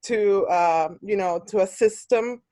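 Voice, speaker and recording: A woman's voice: medium pitch, measured pace, dark tone, dry recording. A woman from Peru, speaking hesitantly in a class discussion over a video call. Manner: hesitant, many um and like.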